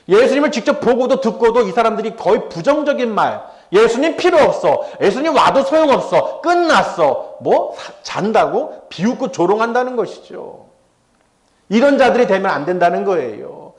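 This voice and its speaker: A middle-aged male pastor preaches in a high, bright-toned voice, and his pitch swings widely from line to line. He acts out the doubters and Jesus as he goes and keeps prompting the congregation to say amen. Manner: calls out to the congregation for amens. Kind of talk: sermon.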